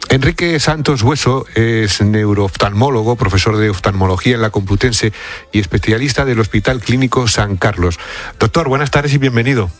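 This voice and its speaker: A man hosting a radio interview in a studio, asking curious, prompting questions of his guest. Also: mid-range voice. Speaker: radio host.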